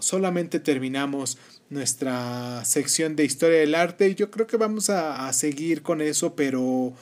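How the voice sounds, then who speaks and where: A man with a slightly high-pitched voice hosts a history podcast. He reads narration and speaks informally to his listeners. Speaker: podcast host. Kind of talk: history podcast, partly read narration with casual asides.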